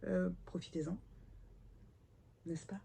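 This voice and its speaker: A woman with a hoarse, stuffed-up voice from a cold, chatting casually to camera in a self-deprecating, slightly awkward book vlog at home. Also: on the low side, fairly even intonation, slow pace, warm tone, slight background noise. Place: at home, indoors.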